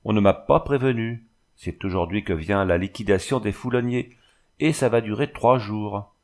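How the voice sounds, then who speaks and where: A man voicing a busy, good-humored village notary who speaks briskly in a storybook reading. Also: on the low side, darkish tone, lightly acted. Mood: hurried.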